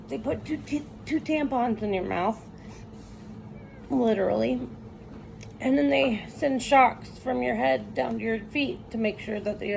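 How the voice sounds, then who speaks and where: A woman recovering from surgery, sounding weak and tired, chatting casually and haltingly from a hospital room. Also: fairly high pitch, gravelly, noisy background. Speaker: patient vlogger recovering from surgery. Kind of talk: casual chat to camera.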